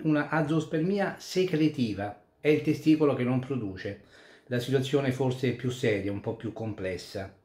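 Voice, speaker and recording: A man, a urologist and andrologist, calmly explaining a medical topic step by step to viewers. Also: mid-range voice. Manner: calm, methodical, explanatory with occasional restarts. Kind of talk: explainer talk to camera. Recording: echoey room.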